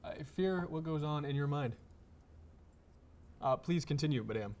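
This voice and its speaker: A man's voice: on the high side, expressive, unhurried, darkish tone, a little hiss or hum. A young man playing a straight-faced, formal co-host of an occult comedy talk show. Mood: deadpan. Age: young adult. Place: TV studio set.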